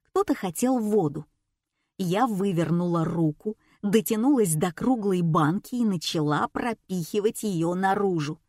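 A woman's voice: mid-range voice, expressive, a little slow, a little mellow, dry recording, studio quality. Woman reading a comic audiobook. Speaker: audiobook narrator. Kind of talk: first-person audiobook narration.

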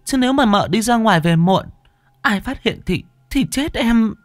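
A man's voice: sits high, expressive, normal speed, no echo, faint music behind, voice pushed up. A man voicing a young female maid in an audio story, who pleads and stammers nervously. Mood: flustered.

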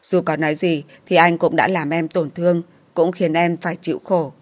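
Female audiobook narrator, lower register, steady romance storytelling. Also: moderate pace.

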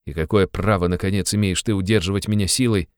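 A man's voice: low-pitched, steady tone, quick pace, clear, resonant tone, no room sound, studio quality, natural voice. A man voicing a sick, irritable young man who speaks with cold, strained bitterness. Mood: bitter weary.

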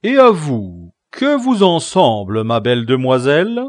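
A man voicing a stern, learned village priest in an audiobook, measured and authoritative. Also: mid-range voice, wildly swooping pitch, no echo, studio quality, pitched above the performer's own voice. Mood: courteous.

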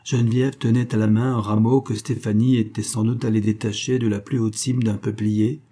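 A man narrating a classic novel as an audiobook in a calm, even reading. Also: lowish voice, normal speed.

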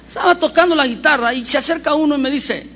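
A man preaching a sermon as pastor, telling stories with lively emphasis and asking the congregation rhetorical questions. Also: extremely high pitch, moderate pace, slight background noise. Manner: animated storyteller with rhetorical questions.

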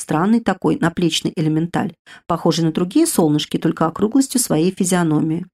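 A woman narrating a story in the first person, reading in a measured, even way. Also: lowish voice. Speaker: audiobook narrator.

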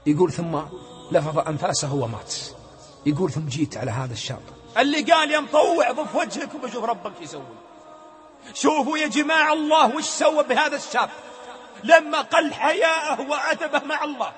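Give me a fervent male preacher with a very high voice, telling a story in a sermon. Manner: fervent, swings between hushed and shouting. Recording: long hall reverb.

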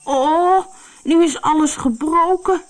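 A woman voicing a small, eager young male storybook hero in a high, excited voice. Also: unhurried, soft background music, heavily acted. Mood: wailing.

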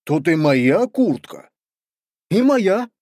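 A man voicing angry middle-aged townsmen who loudly accuse a young thief. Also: high-pitched, very animated, slow, dry recording, clean studio sound, voice pushed up, full character voice. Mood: indignant. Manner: loud, accusing, blustering.

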